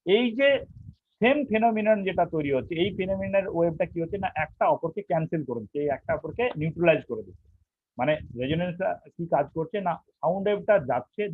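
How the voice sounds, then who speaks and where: A man's voice: high-pitched, dry recording. A male instructor teaching an online technical lesson, explaining step by step and posing rhetorical questions to his students. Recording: tinny phone-like recording.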